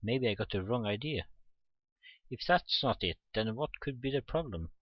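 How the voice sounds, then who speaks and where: Another let's play finds him voicing visual novel dialogue as he reads the script, tripping over words now and then. His pitch is medium with lively intonation at a normal speed, the audio has no room sound and its highs are cut off, and visual novel music plays underneath.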